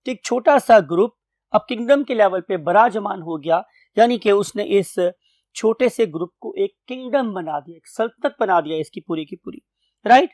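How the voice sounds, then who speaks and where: A man's voice: high voice, animated, moderate pace, a little mellow, no room sound. A man teaching a biology class, explaining steadily and slipping English terms into his lecture while addressing his dear students.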